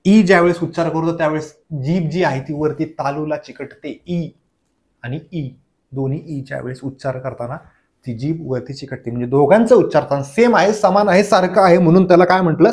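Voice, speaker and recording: A man's voice: on the high side, a little mellow. A male teacher giving an exam revision lecture in grammar, asking questions and answering them himself, over and over. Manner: drilling with repeated questions and answers.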